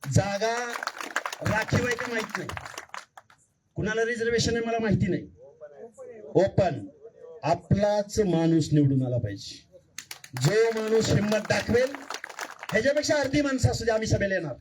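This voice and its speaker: A man with a raised, high-pitched voice delivers a fiery speech at a public meeting, caught from a distance by the microphone. He pleads earnestly with the crowd and keeps hammering them with rhetorical questions. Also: expressive, normal speed, long pauses, background noise. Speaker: political speaker at a public meeting. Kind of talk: fiery political rally speech.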